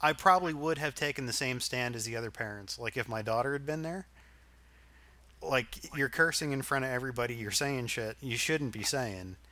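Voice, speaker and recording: A man's voice: mid-range voice, normal speed, pushed and bright. A middle-aged man from Arkansas, a podcast co-host, telling a rambling, profane story in casual chat.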